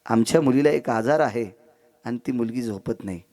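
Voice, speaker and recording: A man preacher voicing a humble, tearful male farmer who speaks low and pleading, in a devotional sermon story. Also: moderate pace, darkish tone, natural voice. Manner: low, subdued, earnest pleading.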